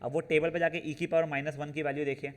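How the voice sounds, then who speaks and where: In a classroom lecture on probability, a male math teacher speaks in a slightly high, level tone. He goes through the formulas step by step and slows as he does, addressing students as "beta" and frequently checking in with "theek hai na."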